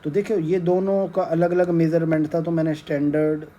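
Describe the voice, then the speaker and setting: A man teaching econometrics in a slow, step-by-step lecture, checking in after nearly every sentence and mixing in English terms. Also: on the high side, level tone, mellow. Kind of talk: whiteboard lecture.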